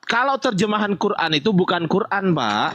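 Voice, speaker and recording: A man's voice: sits high, sing-song, fairly quick, fairly bright tone, lo-fi sound. A man hosting an online religious debate, teasing and mock-soothing his guest with baby talk. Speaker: host.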